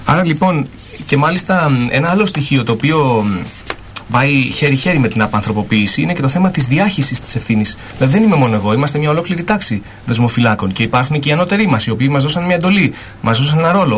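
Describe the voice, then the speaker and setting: A man's voice: medium pitch, lively intonation, slight background noise. Lecturing male radio panelist. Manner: lecturing, listing points one after another. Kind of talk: explanatory radio discussion.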